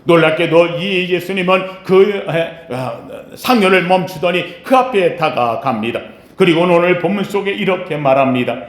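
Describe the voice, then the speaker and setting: A male pastor delivering an emphatic sermon, with sharp rises and slow, low falls. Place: church sanctuary. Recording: echoey church sanctuary.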